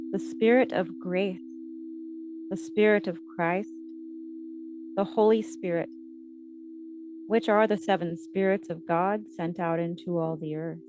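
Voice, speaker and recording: A woman narrates a scripted guided meditation that includes scripture readings, reciting in measured, short phrases. Her voice is medium-pitched, and there is background noise.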